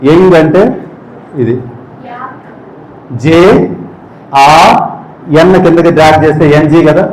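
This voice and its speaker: A man teaching English speech sounds, often quizzing listeners and slowly repeating each sound. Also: a little high, fairly even intonation, darkish tone. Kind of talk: spoken English phonetics lesson. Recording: echoey room.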